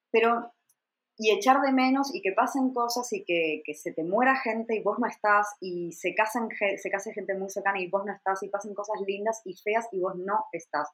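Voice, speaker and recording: A woman with an Argentine accent, speaking in a somewhat low voice. She is a podcast guest in her forties, and she chats in a loose, reflective way with plenty of fillers. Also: a bit bright, low-quality recording. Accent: Argentine Spanish. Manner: chatty and reflective, with frequent fillers. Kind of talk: casual conversation.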